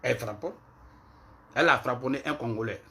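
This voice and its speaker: A man ranting in a commentary video, heated and repetitive, swinging between loud outbursts and low muttering. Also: moderate pace. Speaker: online commentator.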